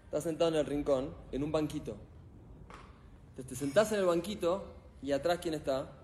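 A middle-aged man, Argentine in accent, gives a motivational talk live in a people-filled hall, unamplified by any microphone. He tells stories with gusto and keeps asking his audience questions, speaking a little high at a moderate pace, with a little hiss or hum.

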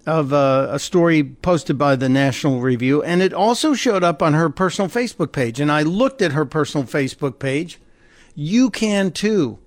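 A man's voice: a little high, dry recording. A man hosting a talk radio show, delivering an opinionated monologue into a studio microphone in a conversational, indignant tone with sarcastic asides.

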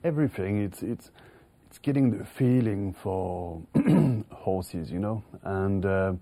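A man's voice: on the low side, animated, slow pace, mellow. A middle-aged man from France, a horse trainer, answering interview questions with many restarts and chuckles; French is his first language. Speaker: racehorse trainer.

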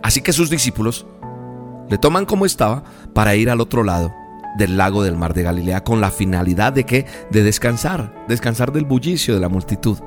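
A man preaching a sermon, retelling a story vividly with dramatic pauses. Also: fairly low pitch, expressive. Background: soft music.

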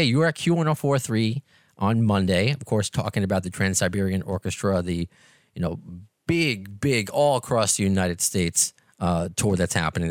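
This middle-aged man with a New York accent is a podcast host and radio presenter, chatting casually through an interview in a self-deprecating way. His voice is low, and the studio-quality recording has no room sound.

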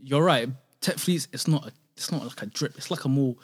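A man's voice: medium pitch, a little fast, breathy edge. A young man with a London roadman accent chatting casually in slangy, repetitive street talk. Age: young adult. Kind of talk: casual chat.

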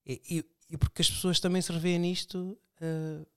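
A man's voice: fairly high pitch, level tone, moderate pace, clean tone. A man with a European Portuguese accent, co-hosting a podcast in casual, informal chat, often seeking agreement with tag questions.

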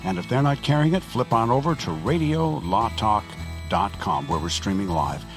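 A man's voice: medium pitch, animated, normal speed, over music. A man hosting talk radio, moving between debate and station announcements.

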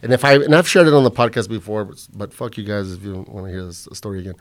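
A fast-talking man with a fairly low voice hosts a podcast, rambling through stories with plenty of swearing. He's middle-aged, from the American Southwest, and sounds a little drunk and hungover in this casual chat.

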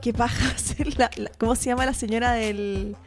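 A woman's voice: a little high, fairly even intonation, normal speed, soft background music. A young Chilean woman co-hosting a casual pop culture chat, easygoing and slangy.

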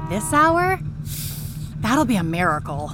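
A woman's voice: medium pitch, very animated, slow, noisy background. An actress playing a sassy, cynical woman driver in a period radio drama, wry and sardonic.

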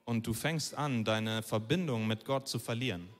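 A man's voice: mid-range voice, normal speed. A man interpreting a sermon live, phrase by phrase, often hesitating with fillers. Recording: long reverb of a large hall.

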